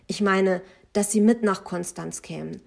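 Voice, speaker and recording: A woman voicing a reserved man who speaks calmly and measuredly in an audiobook. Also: medium pitch, a little slow, vocal fry. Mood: curious. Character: calm reserved man with dark velvety voice.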